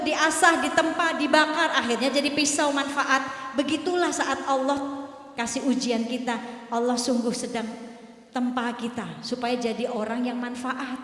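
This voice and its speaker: A woman's voice: high-pitched, a bit bright. A middle-aged woman preacher giving an emotional sermon, telling a personal story and speaking to the women in the audience. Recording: echoey hall.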